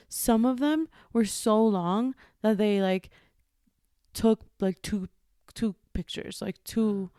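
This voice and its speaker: Chatty woman with a smooth, clear voice. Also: mid-range voice, warm tone, dry recording, studio quality. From Ecuador. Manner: chatty, lots of likes and restarts. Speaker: podcast co-host. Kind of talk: casual chat.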